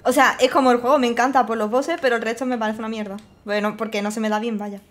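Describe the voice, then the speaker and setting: A woman's voice: on the high side, fairly even intonation, quick pace. Spanish-accented woman streaming a game. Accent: Spanish from Spain. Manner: swearing, exclaiming and laughing at the game. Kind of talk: casual gameplay commentary. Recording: faint game music behind.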